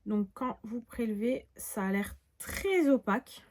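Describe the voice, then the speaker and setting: Chatty young woman vlogger, slightly high voice. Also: animated, unhurried, a little mellow, slight background noise. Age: 20s. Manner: chatty, frequent "euh" fillers and "du coup". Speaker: beauty vlogger. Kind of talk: casual haul vlog, showing products.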